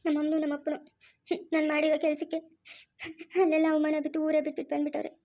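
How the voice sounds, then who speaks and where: A woman's voice: high-pitched, monotone, fast, warm tone. A woman voicing a remorseful young pregnant daughter-in-law, plaintive and self-blaming. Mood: grieving.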